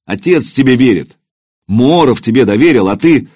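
A man's voice: medium pitch, animated, moderate pace, a little mellow, slightly rough, no echo, studio quality, pitched above the performer's own voice. A man voicing a stern, commanding young prince warrior in an audiobook, speaking curtly. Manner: curt, commanding.

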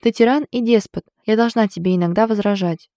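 A woman's voice: medium pitch, a little fast, no echo, clean studio sound, natural voice. A woman reading the lines of a stubborn, ironic young wife in an audiobook. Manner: ironic, sulky, sharp.

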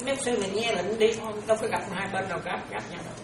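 A woman's voice: medium pitch, very fast. Woman teaching, echoey and distant. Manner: chatty, checks listeners often, laughs. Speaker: Buddhist nun teacher. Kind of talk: dharma talk to listeners. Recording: echoey room, distant mic, noisy.

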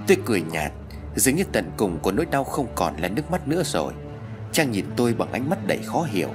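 A man narrating a ghost story as a storyteller with an expressive, dramatic reading. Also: on the low side, fast. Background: faint music.

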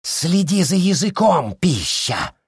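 A man voicing a scornful, defensive male vampire with a hoarse voice in an audiobook. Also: a little high, very animated, no echo, studio quality, pitched above the performer's own voice, full character voice. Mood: hostile. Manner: defensive, sneering, drawn-out delivery.

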